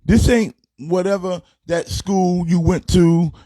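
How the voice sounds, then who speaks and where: A man in his forties, a pastor, riffs through a casual sports show in a warm, mellow voice pitched a little high. He talks straight at fans and players, animated and full of trash talk. The sound is close and dry. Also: slow pace, no room sound. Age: 40s. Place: his home sports studio.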